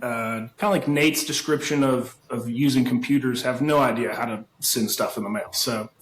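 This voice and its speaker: A man's voice: medium pitch, steady tone, moderate pace. Rambling man in an echoey room. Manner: rambling, easygoing, many fillers. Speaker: podcast guest. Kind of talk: casual chat.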